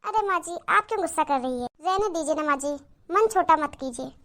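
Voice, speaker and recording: A woman voicing a modest young village daughter-in-law in a cartoon moral story, polite and gentle. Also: extremely high pitch, lively intonation, fairly quick, full character voice.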